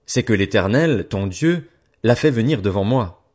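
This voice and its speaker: A man's voice: fairly low pitch, lively intonation, unhurried, darkish tone, slightly rough. A man reading as an anxious younger son.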